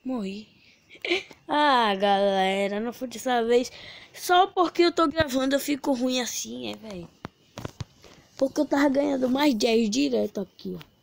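Female gaming host, excitable play-by-play, bursts of shouting and whispering, raspy fry in the voice. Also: a little high, unhurried. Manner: excitable, exclaiming, drops to whispers while playing. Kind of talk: casual mobile game commentary.

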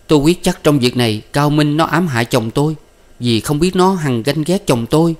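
A man voicing a gentle young wife in her twenties, speaking tenderly and in anguish in a story reading. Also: medium pitch, moderate pace, voice pushed up, lightly acted. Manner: tender, then anguished pleading.

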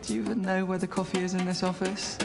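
An actress playing a sardonic woman who mentors a new intern, with wry, deadpan delivery. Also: lowish voice, fast talker, creaky. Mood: dry. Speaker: office worker in a series clip. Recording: TV clip with music underneath. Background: music.

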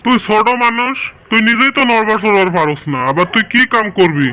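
A man's voice: sits high, lively intonation, fast talker, noisy background. A man voicing a stingy, irritable village uncle in a cartoon, scolding and dismissive. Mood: annoyed, scolding. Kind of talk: cartoon voice acting. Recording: music behind the voice.

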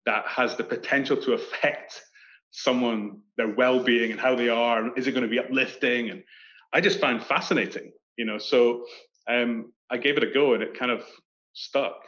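On a muffled video call, a Scottish man with a mid-range voice speaks at a moderate pace as an architect guest in a casual interview chat. He's animated, gestures with his hands, and restarts frequently, and the webcam in his indoor room produces dull, lo-fi audio.

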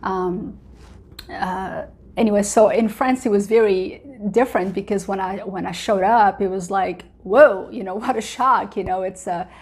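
A woman's voice: mid-range voice, steady tone, normal speed, darkish tone, husky. A woman in her forties, born in Morocco with Arabic as her first language, sharing a personal testimony as host in an earnest, chatty way with many fillers, recorded at home. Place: home living room.

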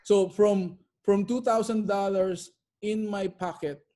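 A middle-aged real estate investor who immigrated to Canada answers interview questions conversationally as a guest, repeating phrases for emphasis, in a bright living room at home. His voice is high-pitched yet dark in tone, slow, with fairly even intonation.

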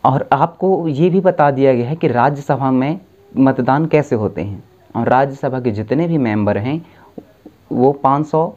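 In a dim room, a young man sits at a desk and delivers an exam-prep civics lesson to camera as a tutor, going slowly step by step and repeatedly correcting himself and restarting. The audio is dull, and his mid-range voice has a darkish tone.

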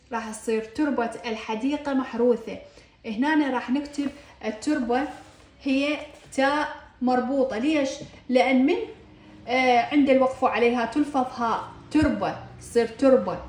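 A woman's voice: high voice, normal speed, a little mellow. Echoey Iraqi woman teacher. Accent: Iraqi Arabic. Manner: patient, repeats words aloud with each vowel ending; asks "why?" then answers herself. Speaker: Arabic teacher. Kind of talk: explaining workbook exercises.

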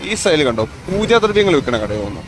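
A man, his voice sitting a little on the high side, chats to his viewers while walking outdoors. He keeps up a friendly running commentary. The sound comes from a phone camera with no separate mic, and loud traffic and street noise fill the background. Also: very animated, fast talker. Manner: chatty, addresses viewers as guys. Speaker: vlogger. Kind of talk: casual walking vlog. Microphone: phone camera, no external mic. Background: street traffic and passers-by.

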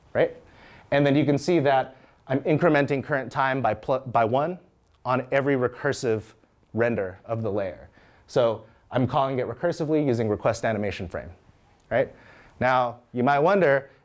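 A man in his thirties giving a live technical talk, walking through code in a conversational way and often checking in with "right?". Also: medium pitch. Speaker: conference speaker. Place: meetup room with audience.

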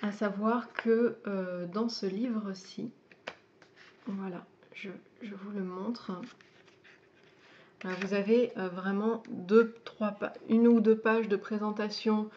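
A woman hosting a casual video where she presents a book, speaking hesitantly with frequent fillers, pauses and restarts. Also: medium pitch, steady tone, warm tone, slight background noise. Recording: dull lo-fi sound.

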